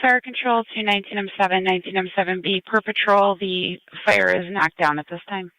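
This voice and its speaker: A woman's voice: medium pitch, fairly quick, bright, forceful tone, no room sound, low-quality recording. A woman working as a fire control dispatcher, speaking formally and procedurally over the radio. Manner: formal, procedural, repeats details. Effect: radio transmission.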